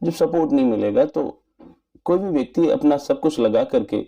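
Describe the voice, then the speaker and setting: A man giving an earnest, measured spoken movie review in formal wording. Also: a little high, animated, gravelly, dark tone, muffled recording. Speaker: film reviewer.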